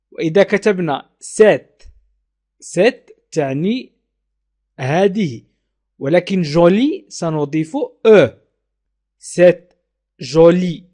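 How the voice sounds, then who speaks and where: Slow, deliberate male French teacher. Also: sits high, darkish tone. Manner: repeats words slowly, translating each into Arabic. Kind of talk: slow classroom explanation.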